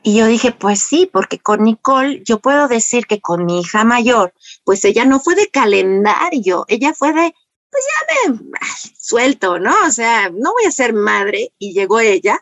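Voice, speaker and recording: A middle-aged woman with a Mexican accent, telling a personal story in a lively, conversational way, often asking the audience rhetorical questions. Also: fairly high pitch, unhurried, dry recording. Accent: Mexican Spanish. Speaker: speaker sharing personal story. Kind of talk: conversational talk.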